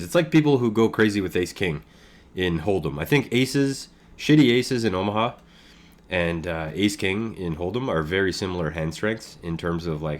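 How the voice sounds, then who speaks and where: A man commenting on his own online poker game in casual, thinking-aloud talk, with many fillers and chuckles. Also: sits low.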